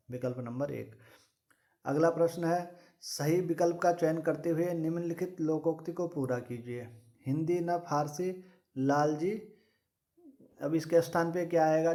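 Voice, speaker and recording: A fairly high-voiced man works through exam questions one by one. He talks at a steady, methodical pace and repeats the same set phrases for each answer. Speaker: exam prep teacher. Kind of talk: reading quiz questions and answers.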